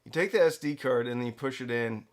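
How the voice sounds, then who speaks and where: A man with a medium-pitched voice talks fast while presenting a product review. He is the reviewer and host of a budget audio gear channel, and his casual, conversational delivery features emphatic stresses and playful asides.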